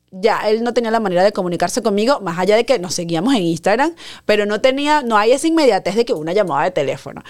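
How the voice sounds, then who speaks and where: Animated woman telling a story. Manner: animated, acts out quoted voices, dramatic pitch jumps. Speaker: podcast host. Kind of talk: casual storytelling monologue.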